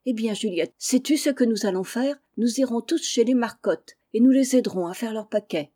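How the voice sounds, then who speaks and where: A woman voicing an eager, excited young boy. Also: fairly high pitch, normal speed, pitched above the performer's own voice, natural voice. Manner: eager and breathless.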